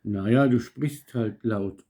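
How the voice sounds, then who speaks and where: A man's voice: lowish voice, slow, warm tone, a little hiss or hum. A man, the host's father, in a casual comedic chat, talking hesitantly and stumbling over phrases. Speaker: father of the host, co-host.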